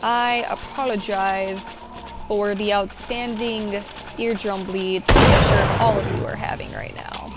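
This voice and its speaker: Playful cursing woman over loud game noise. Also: medium pitch, steady tone, slow. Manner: playful, swears a lot, sing-song bursts. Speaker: gameplay commentator. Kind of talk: casual game commentary.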